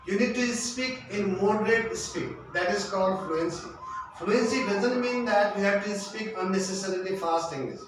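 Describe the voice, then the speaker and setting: In a high-pitched voice at normal speed, a man teaches English as a tutor, stressing points, repeating them, and quizzing with questions and answers. The lecture was recorded from a distance in an echoey room, with faint noise audible.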